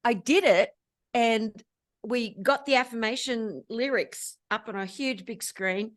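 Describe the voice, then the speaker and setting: An Australian woman telling lively stories as an interview guest, often laughing between anecdotes. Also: fairly high pitch, measured pace, dry recording, studio quality. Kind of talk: storytelling in casual interview chat.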